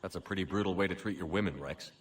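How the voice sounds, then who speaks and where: An actor playing a tough, hard-edged military commander in a video game, terse and direct. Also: male voice, low-pitched, quick pace, slight background noise, close to an everyday voice. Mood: frank.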